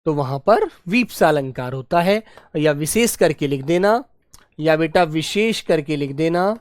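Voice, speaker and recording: A woman teacher giving a Hindi grammar lesson, dictating slowly and repeating phrases for her students to note down. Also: expressive, a little mellow, no echo, studio quality. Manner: acts out quoted dialogue with raised pitch.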